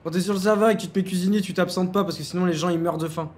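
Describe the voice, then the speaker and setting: Un jeune homme au débit très rapide et à la voix un peu haute, qui commente en admin de serveur. Il parle en argot, tranche net et taquine les joueurs sans ménagement. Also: male voice, high voice, fairly even intonation. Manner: slangy, bossy, teasing. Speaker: game server admin and YouTuber. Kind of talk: casual Let's Play commentary.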